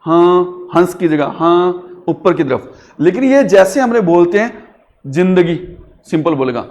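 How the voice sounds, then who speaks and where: A male Hindi teacher, with a slightly higher voice than most men, lectures a class and keeps checking understanding by repeating questions. His delivery is patient and methodical, and each point is explained step by step. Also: lively intonation, unhurried, a little mellow.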